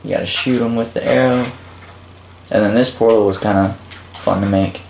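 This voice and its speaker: A man's voice: on the low side, moderate pace, gravelly. Casual rambling man, roomy sound. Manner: relaxed, rambling, many "um"s and "like"s. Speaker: game creator and channel host. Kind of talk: casual gameplay walkthrough commentary. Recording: roomy with faint background noise.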